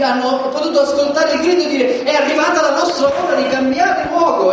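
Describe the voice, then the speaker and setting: Male pastor, sermon, very high voice, emphatic, distant mic, dull faint hiss. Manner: emphatic, swings between loud declarations and hushed asides. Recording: echoey hall, distant mic, dull sound.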